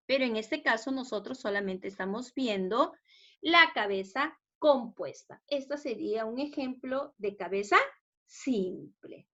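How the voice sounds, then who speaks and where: Peruvian woman teacher, patient and explanatory, slightly high voice, slow pace, dull lo-fi audio. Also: fairly bright tone. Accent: Peruvian Spanish. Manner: patient, explanatory, asks rhetorical checks. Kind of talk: spelling lesson for students. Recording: dull lo-fi recording.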